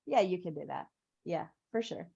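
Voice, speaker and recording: A woman's voice: lowish voice, expressive, normal speed, creaky, mellow, breathy edge, muffled recording. A woman teaching on a video call, conversational and explaining through examples. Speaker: real estate trainer.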